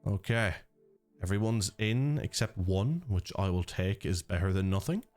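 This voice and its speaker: An Irish man casting and running a live esports stream, chatting and joking with viewers in a lively way over faint background music. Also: deep voice, moderate pace. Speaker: esports caster and organiser.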